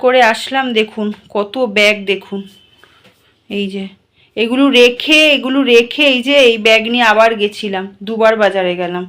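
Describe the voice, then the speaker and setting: A woman in a casual vlog shows off what she bought, chatting and speaking straight to her viewers. Her voice is on the high side and a bit bright, at a moderate pace.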